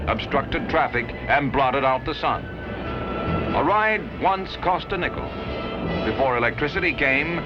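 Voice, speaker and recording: 1950s newsreel narrator, man, lively emphatic pitch, dull lo-fi film sound. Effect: old newsreel soundtrack.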